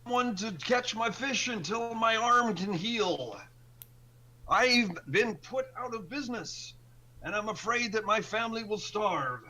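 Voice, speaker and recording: A plaintive old fisherman acted out by a man in a tabletop fantasy game. He speaks in a raised, bright voice, a poor worried villager with simple words. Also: high-pitched, animated, a little slow, voice pushed up, full character voice. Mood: worried, pleading.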